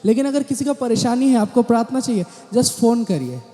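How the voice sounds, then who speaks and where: A man's voice: extremely high pitch, expressive, fairly quick, mellow. A male pastor preaches a sermon in a church, often breaking into amen and hallelujah and mixing in English words. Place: large church hall. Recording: echoey church hall with long reverb.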